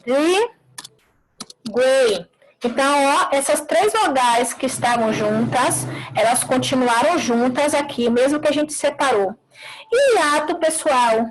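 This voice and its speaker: High-voiced woman teaching an online class. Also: animated, slight background noise, poor audio. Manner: slow explaining, repeats words with tag questions.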